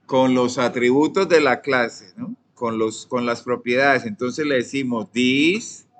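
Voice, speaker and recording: A young man with a Colombian accent, teaching a programming class, dictating code and quizzing his students, often trailing off softly. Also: medium pitch, slow pace. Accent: Colombian Spanish. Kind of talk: live coding lesson.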